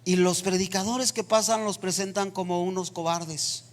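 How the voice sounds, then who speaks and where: Male preacher, high voice, impassioned sermon, reverberant church hall. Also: steady tone, moderate pace. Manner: impassioned preaching that rises to near-shouting.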